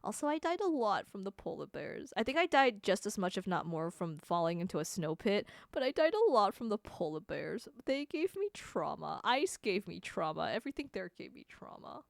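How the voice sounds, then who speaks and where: A woman streamer chatting casually with her viewers, animated, laughing often and swearing freely. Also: medium pitch, moderate pace, vocal fry, few pauses, no room sound, studio quality. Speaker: streamer answering chat. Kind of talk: casual live-stream chat.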